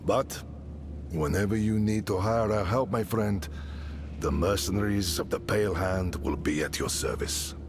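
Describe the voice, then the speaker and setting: Game music backs this friendly performance of a wry, fatherly middle-aged mercenary leader who is also a smith. The actor's voice sits low at a moderate pace, lightly acted, with background noise present.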